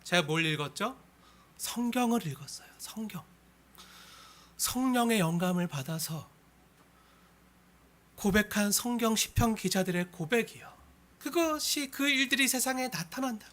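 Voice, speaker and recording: A man preaching a sermon as pastor. He swings between loud, impassioned appeals and hushed, near-whispered asides, and often puts rhetorical questions to the congregation. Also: high voice, animated, unhurried, long pauses.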